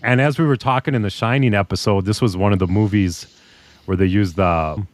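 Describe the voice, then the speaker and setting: A man with a low-pitched voice co-hosts a casual podcast chat. He rambles and often loses his thread mid-sentence. His voice sits close and dry, with no room sound. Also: a little fast, dry recording. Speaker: podcast co-host.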